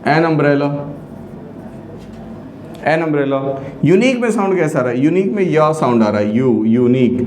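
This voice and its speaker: A man's voice: a little high, animated, normal speed, pauses often, darkish tone. A man teaching an online grammar lesson, quizzing his students with repeated questions. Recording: echoey room with faint noise.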